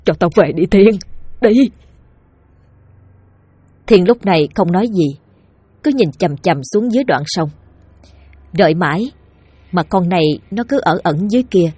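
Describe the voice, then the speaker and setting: A woman narrating a village ghost story in a lively storytelling manner. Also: fairly low pitch, breathy edge, no room sound.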